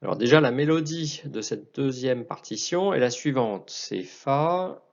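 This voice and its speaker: A man explaining how to chant psalms, unhurried and hesitant with small restarts. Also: mid-range voice, expressive, gravelly, lo-fi sound. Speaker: liturgy chant teacher.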